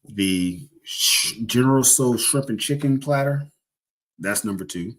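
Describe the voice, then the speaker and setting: A man's voice: medium pitch, lively intonation, a little slow. A young man casually chatting on a livestream, rambling and joking as he corrects himself mid-sentence. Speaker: livestream host.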